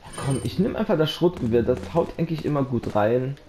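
Jumpy German gamer yelling into his mic. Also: medium pitch, lively intonation, brisk, a little hiss or hum. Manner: jumpy, yelps and shouts when startled; talks to game characters and viewers. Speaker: let's play commentator. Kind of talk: casual gameplay commentary. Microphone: close desk microphone.

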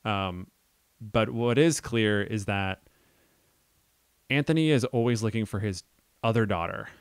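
A man's voice: fairly low pitch, a little slow, smooth, no echo, studio quality. A young man co-hosting a casual podcast about a film adaptation, thinking aloud with many ums and restarts. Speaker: podcast co-host.

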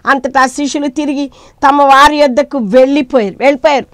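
A woman preaching a sermon who rises to loud emphatic peaks and drops to soft appeals, speaking to listeners as her beloved children. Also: high voice, fairly even intonation, fairly quick, dry recording.

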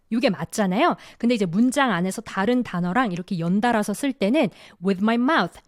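A woman teaching an online English lesson who explains patiently, step by step. She slows right down to say the model sentences. Her voice sits at a middle pitch and sounds dry and close. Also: dry recording. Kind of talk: online grammar and pronunciation lesson.

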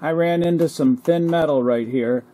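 A man calmly walking through a sheet metal welding job step by step, reassuring the viewer as he works in a garage. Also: a little high, moderate pace. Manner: calm, reassuring, step-by-step explaining. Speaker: auto body repair instructor. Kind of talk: welding tutorial narration.

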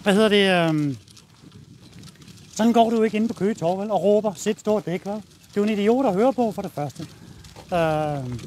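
A man's voice: sits high, animated, long pauses, darkish tone, a little hiss or hum. A man with a Danish accent, a dog trainer explaining his method in a blunt, casual way while walking a dog outdoors.

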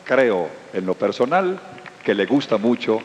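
A man's voice: lowish voice, measured pace, very noisy. A middle-aged man presenting a beauty pageant, announcing a guest in a ceremonious stage manner into a handheld mic in a large indoor arena. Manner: lively, ceremonious announcer delivery. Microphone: handheld microphone. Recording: echoey arena, dull old broadcast tape.

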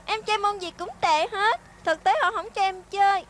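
A woman's voice: extremely high pitch, steady tone, moderate pace, fairly bright tone. A woman dubbing a shy young schoolgirl who is down on herself, in a TV drama. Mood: glum. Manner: glum, then teasing. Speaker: dub actor. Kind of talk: Vietnamese dub of a TV drama.

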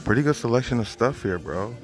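A man's voice: medium pitch, animated, quick pace, soft background music. A man in his thirties chatting casually to viewers while browsing a large store, filming on a handheld phone. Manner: casual, chatty, thinking aloud. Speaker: reselling vlogger. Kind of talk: casual shopping vlog. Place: large retail store, indoors.

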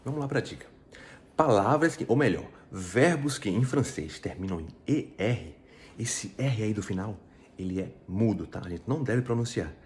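Deep-voiced Brazilian man teaching casually. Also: animated, moderate pace, a little hiss or hum. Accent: Brazilian Portuguese. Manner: chatty, explains step by step, frequent tag questions. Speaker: French teacher. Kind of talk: casual video lesson.

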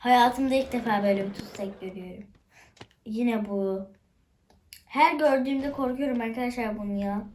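This gamer and channel host has a voice on the high side, a little mellow, at a normal pace. She gives excited commentary while playing, chatting with viewers and exclaiming frequently over faint background noise and clicks.

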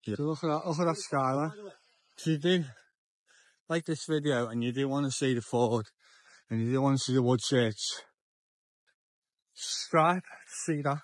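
A man's voice: medium pitch, moderate pace, pauses often, no room sound. A young man, chatty and a little tipsy, rambling and repeating himself as he films a walking vlog on town streets with a handheld phone. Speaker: vlogger. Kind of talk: casual walking vlog commentary. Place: outdoors on town streets at dusk.

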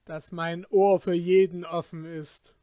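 A man voicing a stern, commanding male caliph in a read-aloud fairy tale, measured and authoritative. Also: on the high side, level tone, dark tone, no room sound, clean studio sound.

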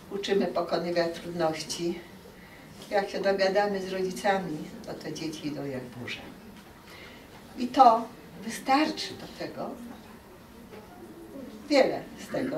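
A woman giving an open lecture to teachers, talking in a lively way and acting out quoted parents and children. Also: lowish voice, recorded from a distance, a little hiss or hum. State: dry throat. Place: lecture hall. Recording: echoey hall, recorded from afar.

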